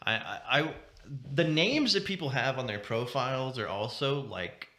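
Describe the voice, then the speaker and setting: A man's voice: medium pitch, animated, normal speed, pushed and bright. A young man on a podcast, telling a rambling story with lots of laughs and asides. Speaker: podcast co-host. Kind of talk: casual chat. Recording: roomy echo.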